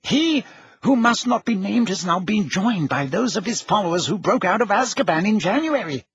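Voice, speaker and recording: A man's voice: sits high, sing-song, a little slow, a bit bright, husky, dull audio, voice pushed up, full character voice. A man voicing a flustered, defensive older wizard minister in an audiobook, speaking with agitated urgency. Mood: urgent. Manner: agitated, urgent, self-justifying. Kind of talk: audiobook character acting.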